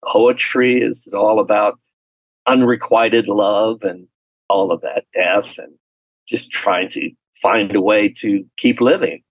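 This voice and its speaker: A man from Texas, an artist being interviewed, telling stories in a lively, laughing way. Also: slow, no echo, poor audio. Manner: animated, laughing storyteller with lively pitch swings. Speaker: artist guest. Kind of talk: casual storytelling interview.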